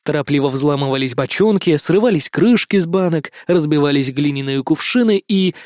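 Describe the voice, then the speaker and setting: Lively male audiobook narrator, dry sound. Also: fairly high pitch, normal speed, no room sound. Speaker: audiobook reader. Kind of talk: storybook narration.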